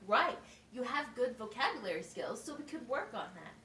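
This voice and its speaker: This woman's teacher voice is a little high, sing-song and sharp in tone, at a moderate pace. Playing a patient, instructive schoolteacher in an amateur puppet show, she's encouraging as she explains simply and asks questions to check. Faint noise and a roomy, distant-mic sound mark the recording.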